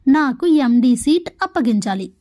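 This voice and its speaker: A woman's voice: a little high, lively intonation, normal speed, mellow, close to an everyday voice. Scheming young villain, as a woman narrator reads him. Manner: plain retelling voice, barely acted.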